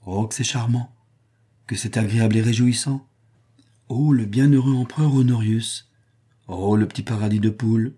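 A man's voice: fairly low pitch, a little fast, dark tone, slightly rough. A man voicing a vain, bossy noble lady who gushes and gives orders in a read-aloud novel. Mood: gushing. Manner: effusive, commanding.

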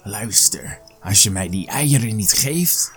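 A man's voice: fairly low pitch, lively intonation, slow pace, faint music behind. A man voicing a greedy, hot-tempered male tiger who threatens and bosses, in a storybook reading. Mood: threatening. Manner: threatening and bossy.

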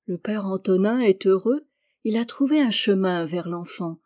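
A woman reading a literary story aloud in a slow, gentle, measured way. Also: mid-range voice.

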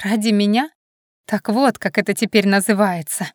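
A wounded young woman who lashes out in sharp, tearful bursts, voiced by the audiobook reader herself, recorded dry and close. Her voice sits mid-range, raw with emotion and bitterness. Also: medium pitch, steady tone, moderate pace, no room sound, natural voice. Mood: bitter. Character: hurt, furious young woman, heroine.

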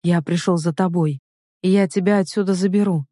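A woman's voice: on the low side, steady tone, a little fast, mellow, dry recording, studio quality, close to an everyday voice. A woman voicing a hard, resolute male protector. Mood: cold resolve. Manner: hard, cold and firm.

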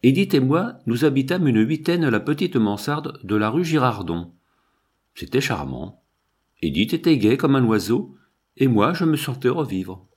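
A man reading a novel aloud, with measured, expressive first-person storytelling in a husky voice. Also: mid-range voice. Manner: measured, expressive storytelling, slow at chapter headings. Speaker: audiobook narrator. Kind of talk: scripted narration of a novel.

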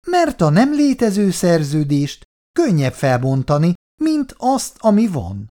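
A man voicing a calm, firm older housing committee official who speaks with steady authority, in an audiobook reading. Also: sits high, voice pushed up.

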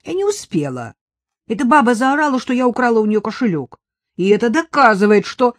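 An audiobook reader voicing a defensive, agitated wife and amateur sleuth in a loud quarrel with her husband. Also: medium pitch, big pitch swings, a little fast, dry recording, clean studio sound, pitched above the performer's own voice, natural voice. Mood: heated. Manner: shouting, agitated. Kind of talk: audiobook character voice.

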